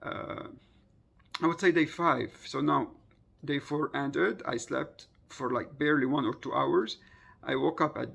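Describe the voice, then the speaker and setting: A man around thirty tells a personal story in casual vlog style. His voice is husky and heavily fried at the edges. He speaks hesitantly, repeating phrases and circling back to clarify what he means. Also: a little high, a little slow, fairly bright tone. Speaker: vlogger recounting a personal experience.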